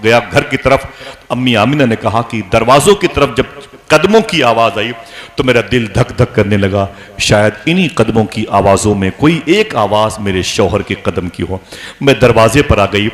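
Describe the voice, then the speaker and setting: A man preaching an emotional sermon, telling a dramatic story and chanting lines of verse with passion. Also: mid-range voice. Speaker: Islamic preacher.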